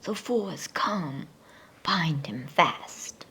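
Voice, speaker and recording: A woman voicing a cruel, imperious witch queen from a storybook, giving orders in a fierce, forceful whisper. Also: low-pitched, expressive, very slow, breathy edge, exaggerated voice. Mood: fierce, commanding. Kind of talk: storybook villain in ASMR reading.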